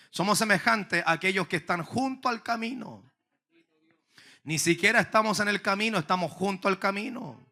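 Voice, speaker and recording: A man's voice: high voice, sharp tone. A man pastor preaching a sermon to his congregation, fervent and emphatic.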